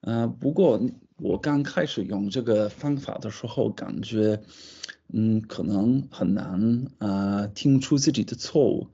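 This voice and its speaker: Creaky, husky foreign man speaking Mandarin. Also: fairly low pitch, warm tone, lo-fi sound. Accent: foreign-accented Mandarin. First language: English. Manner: foreigner speaking Mandarin, halting with repeated words. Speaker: language student being interviewed. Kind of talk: casual interview in a second language.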